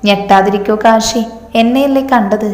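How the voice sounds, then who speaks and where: A woman's voice: medium pitch, normal speed, a little mellow, roomy sound, in a large hall, natural voice. A woman voicing a bitter, vengeful middle-aged mother who talks with scorn and grief, in a storybook reading. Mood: scornful grief.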